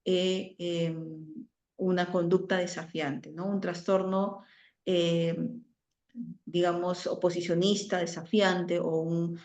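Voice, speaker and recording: A woman giving an online class lecture, often ending phrases with a questioning tag and pausing on fillers. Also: fairly low pitch, flat delivery, darkish tone. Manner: frequent "¿no?" tags and hesitations. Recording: roomy, dull lo-fi audio.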